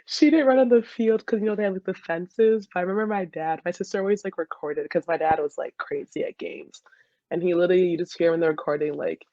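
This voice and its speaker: Speaking fast in a lowish, mellow voice, this podcast guest, an American woman in her 20s who studies dentistry and plays soccer, shares casual stories with giggles and frequent "like"s. The recording has no room sound and its highs are cut off.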